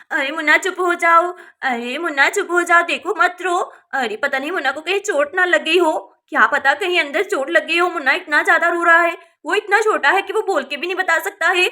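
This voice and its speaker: A woman's voice: very high voice, a little fast, pushed and bright. A woman voicing a worried young village mother who scolds her sister in a doll story. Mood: anxious. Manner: anxious, scolding.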